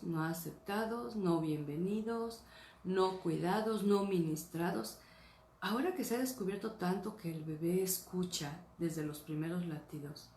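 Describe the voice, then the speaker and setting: A woman's voice: lowish voice, a little mellow, slight background noise. A woman pastor gives an earnest teaching sermon, often checking in with her listeners. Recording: roomy echo, faint ambience.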